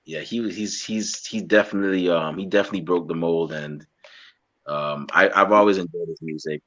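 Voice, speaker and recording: A young man from Guyana interviewing a guest in a relaxed, rambling way, often restarting his sentences. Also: sits low, highs cut off. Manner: rambling, halting with many restarts. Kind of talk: casual interview chat.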